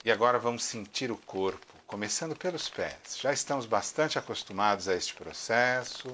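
A man leading a guided relaxation meditation, giving slow, soothing instructions with long pauses. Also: lowish voice, lively intonation, pushed and bright, a little hiss or hum. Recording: music playing behind the voice. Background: background music.

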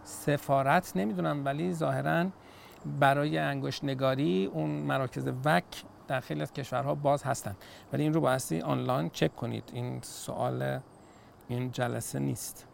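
A man's voice: medium pitch, fairly even intonation, creaky, slight background noise. A middle-aged man, an immigration consultant, patiently answering viewer questions with everyday analogies and frequent hesitations. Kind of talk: call-in style Q&A, explaining.

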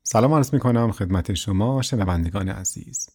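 A man reading a folk tale aloud for a podcast in a calm, measured way. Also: lowish voice, husky. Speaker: podcast storyteller. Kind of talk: scripted storybook narration.

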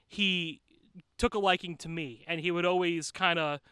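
His voice is on the high side, steady, bright and forceful, clear and resonant, at a moderate pace, with a dry, clean studio sound. He's an American wrestler and manager guesting on a podcast outdoors in a shaded backyard, telling casual anecdotes, joking and repeating words for emphasis.

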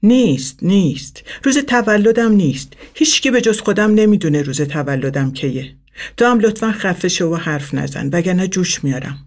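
A man voicing a bitter, bedridden old woman who snaps and shouts insults. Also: on the high side, lively intonation. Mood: shouting.

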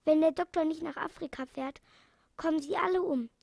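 A woman's voice: high-pitched, fairly quick, gravelly, darkish tone, no echo, clean studio sound. A woman voicing a sad, tearful male crocodile who sighs mournfully in a storybook. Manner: sighing, mournful.

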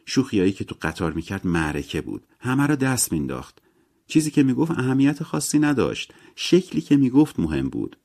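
A man voicing a lively, wry young mother who talks in an animated, emphatic way in a story reading. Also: mid-range voice, gravelly, pitched above the performer's own voice. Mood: insistent.

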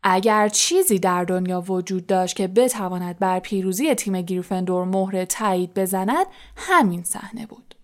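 A woman narrating an audiobook in a soft, breathy delivery. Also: mid-range voice.

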